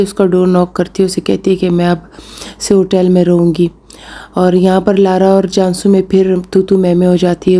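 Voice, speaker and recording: Woman narrator, warm mellow tone, casual recap style with fillers. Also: lowish voice. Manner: conversational, fillers, addresses viewers as friends.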